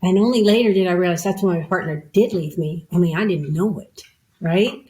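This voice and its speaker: Animated woman telling a personal story. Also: on the low side, fairly quick, rough recording. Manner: animated, acts out quoted voices, self-mocking. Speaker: podcast guest.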